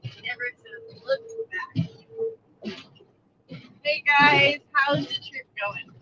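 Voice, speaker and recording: A woman, co-hosting a live stream from a truck and chatting through viewer comments in an animated, laughing way. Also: high-pitched, takes it slowly, muffled recording, background noise. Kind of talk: casual live-stream chat reading comments. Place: inside a truck cab on the road.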